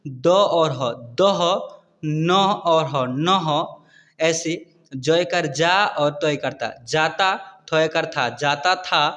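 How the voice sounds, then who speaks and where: A man teaching a reading lesson, slowly sounding out words letter by letter and checking in with his students often. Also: a little high, fairly bright tone, in a large hall. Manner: spells words out letter by letter, repeating "ठीक है". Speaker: Hindi teacher. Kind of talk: slow syllable-by-syllable reading lesson.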